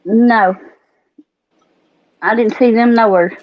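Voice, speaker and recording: A woman's voice: fairly high pitch, fairly even intonation, slow pace, dull audio. A woman with an Appalachian accent giving blunt, folksy answers in a casual panel interview. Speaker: guest witness.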